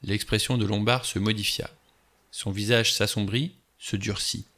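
A man narrating a novel aloud in a steady, even storytelling manner. His voice is bright and clear, pitched somewhat low. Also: normal speed.

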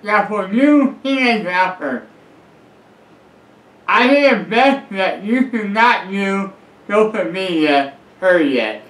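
Middle-aged guy talking slow and earnest to his camera, kinda high voice, echoey room. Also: lively intonation, a bit bright. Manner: earnest, repetitive, calls himself by a nickname. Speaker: vlogger giving advice. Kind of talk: direct-to-camera advice vlog. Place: small room at home, leather armchair by a bookshelf.

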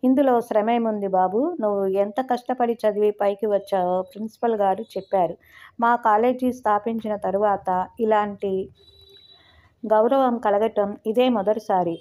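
A remorseful, generous old landowner from a spoken novel, as a woman reads him. He talks gently and in a fatherly way. The voice is mellow and warm, at a middle pitch. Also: fairly even intonation, normal speed, lightly acted. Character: kindly older male landowner, remorseful and generous.

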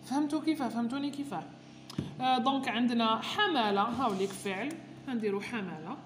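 A woman's voice: fairly high pitch, slight background noise. A woman with an Algerian Arabic accent patiently explaining a primary school worksheet to parents, reading each item aloud. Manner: patient and explanatory, reads items aloud then explains them slowly. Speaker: teacher explaining a homework sheet to parents. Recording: echoey room with long reverb.

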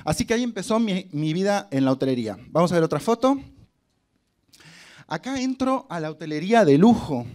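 A middle-aged man with an Argentine accent tells stories from his life in a motivational talk. His voice sits somewhat high for a man. He keeps it humorous and anecdotal, acting out the voices in the dialogue he quotes. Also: big pitch swings, fairly quick, a little mellow. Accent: Argentine Spanish. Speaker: guest speaker.

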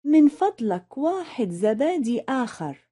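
A woman, carefully repeating lesson phrases one by one in a clear, scripted way. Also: sits high, sing-song, a little slow, mellow. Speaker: language lesson speaker.

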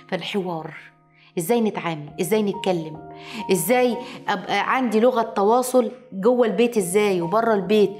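Egyptian woman, parenting lecturer, rapid delivery, emphatic, repeats key points, rhetorical questions, faint music behind. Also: medium pitch, darkish tone. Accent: Egyptian Arabic. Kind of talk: informal lecture.

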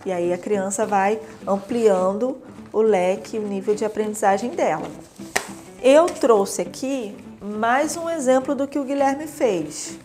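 A woman's voice: mid-range voice, measured pace, mellow, faint music behind. A young adult woman with a Brazilian Portuguese accent explains teaching materials in a casual, chatty way, often checking in with tag questions.

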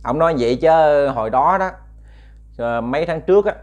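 A man's voice: fairly high pitch, animated, normal speed. Male ghost-story narrator, loose conversational telling with fillers. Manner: chatty, addresses listeners, many fillers and repeats. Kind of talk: casual spoken storytelling.

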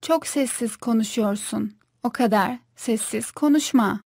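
A woman's voice: a little high, measured pace, creaky, darkish tone, husky, no echo, clean studio sound. A woman carefully repeating short phrases for a language course. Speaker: Turkish phrase reader. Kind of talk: scripted phrasebook reading.

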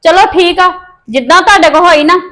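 A woman plays a resentful young daughter-in-law with a Punjabi accent in a village family drama. Her voice sits high, and she snaps back in sharp, scornful retorts before sinking into low, muttered scheming. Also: fairly quick. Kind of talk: amateur family drama acting.

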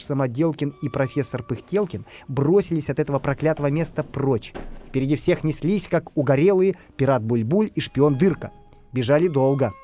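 A man reading a bedtime story aloud in an expressive, lively way. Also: medium pitch. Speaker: narrator.

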